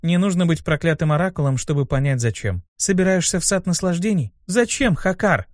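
Brief: sultry succubus recruit, a man putting her on, raised pitch, hushed whisper, teasing, audiobook. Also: big pitch swings, normal speed, dry recording, clean studio sound.

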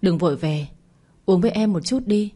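A woman voicing a gentle, sad young sister-in-law who coaxes softly, in a storybook telling. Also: fairly low pitch, moderate pace, breathy edge. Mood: coaxing.

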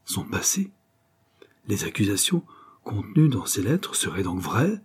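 A man's voice: lowish voice, big pitch swings, unhurried, husky, exaggerated voice. A man voicing a distraught young woman, a grieving banker's daughter, in a pleading, emphatic audiobook reading.

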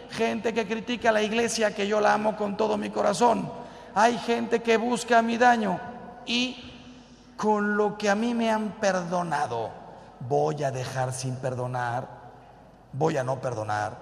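Gravelly high-voiced priest preaching. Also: male voice. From Mexico. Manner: rhetorical questions, acting out both sides of dialogues. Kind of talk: sermon talk to a live audience. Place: large hall with an audience. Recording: reverberant hall.

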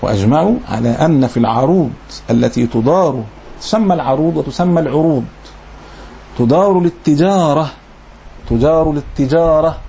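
A man's voice: on the high side, gravelly, warm tone, a little hiss or hum. A man with an Egyptian accent teaching a religious lesson. He reads formal passages, then explains them in colloquial asides and repeats key phrases. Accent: Egyptian Arabic. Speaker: Islamic lecturer.

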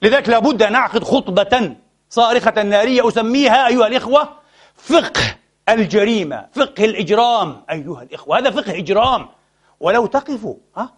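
Fast, high-voiced impassioned male preacher. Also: animated, slightly rough. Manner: impassioned, addresses listeners as brothers, swings between soft and loud. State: saddened and frustrated. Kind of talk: Friday sermon.

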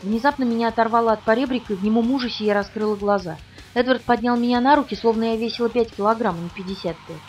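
A woman narrating an audiobook in the first person, in a restrained, quiet way. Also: fairly high pitch, quick pace. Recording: distant, muffled, soft music.

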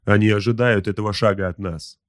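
A man voicing a cautious, level-headed male sergeant in an audiobook, speaking in a measured, restrained way. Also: on the low side, fairly even intonation, no echo, clean studio sound, natural voice. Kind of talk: audiobook character voice.

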